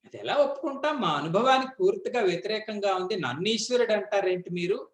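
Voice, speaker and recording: A man's voice: high voice, animated, brisk. A man giving a spiritual discourse on scripture, telling stories and acting out the dialogue between a guru and his student. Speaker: spiritual teacher. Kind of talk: Gita discourse. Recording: echoey hall.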